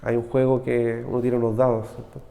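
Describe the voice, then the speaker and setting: A man's voice: medium pitch, flat delivery, a little fast, gravelly, dark tone. Man, Chilean Spanish accent, pastor, conversational sermon, rhetorical questions, church hall reverb. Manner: conversational preaching, frequent rhetorical "¿cierto?".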